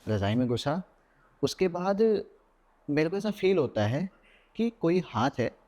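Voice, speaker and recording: A young adult man, a podcast guest, telling a personal horror story in a lively way and mixing English words into his Hindi. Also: a little high, measured pace.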